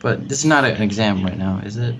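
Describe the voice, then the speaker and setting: A man's voice: lowish voice, quick pace, a crowd in the background. A man playing a tabletop game, chatting casually and thinking aloud hesitantly.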